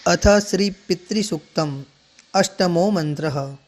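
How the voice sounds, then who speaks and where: A man teaching Sanskrit mantra pronunciation, chanting each word slowly and carefully, then explaining in speech. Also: high voice. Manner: slow deliberate chanting of each syllable, then quicker explanation.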